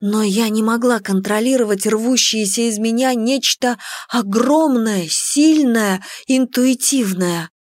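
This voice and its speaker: A woman narrating a first-person audiobook with an expressive, emotional reading. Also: fairly high pitch, slow pace, no echo.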